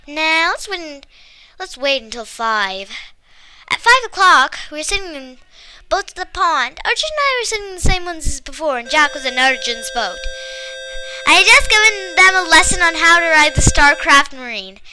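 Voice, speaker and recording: A woman reading a story aloud with lively expression and small slips. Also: very high-pitched, brisk, poor audio. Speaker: story reader.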